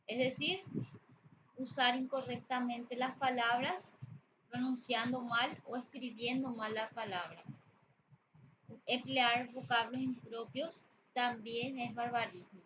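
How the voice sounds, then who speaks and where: A woman teacher giving a spoken lesson on grammar and usage, explaining slowly with pauses and fillers. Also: a little high, fairly even intonation. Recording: dull lo-fi audio with background noise.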